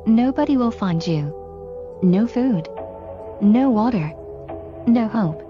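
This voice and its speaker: A woman voicing a menacing villain who taunts a trapped victim over the phone, cold and unhurried. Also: a little high, expressive, dull audio, over music. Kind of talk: story reading. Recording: with loud musical backing.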